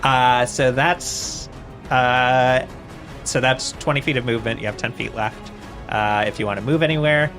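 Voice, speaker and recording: A man's voice: medium pitch, fairly even intonation, measured pace, a bit bright, faint music behind. A man acting as game master of a tabletop game, chatty and laughing often between rulings.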